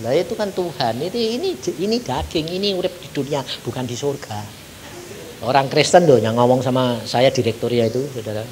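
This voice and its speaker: A man's voice: mid-range voice, brisk, a little hiss or hum. A man preaching a sermon in Indonesian with a Javanese-influenced accent, telling jokey stories and acting out the dialogue. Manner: animated, jokey, acts out dialogue. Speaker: evangelist preacher. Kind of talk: sermon with lively storytelling.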